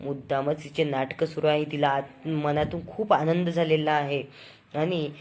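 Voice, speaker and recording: A woman with a somewhat low voice recaps a TV serial episode, narrating events in storytelling fashion. She keeps quoting what each character says and often breaks off a word to restart it. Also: level tone, unhurried, a little mellow, slight background noise. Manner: self-correcting mid-word restarts.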